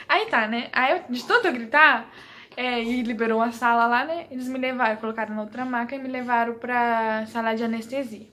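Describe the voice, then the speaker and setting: Uma jovem mulher brasileira, vlogueira, contando em tom casual e animado uma experiência pessoal, rindo muitas vezes e imitando diálogos. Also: female voice, on the high side, a little fast. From Brazil. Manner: animated, laughs often, quotes people in dialogue. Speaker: vlogger. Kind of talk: casual storytelling.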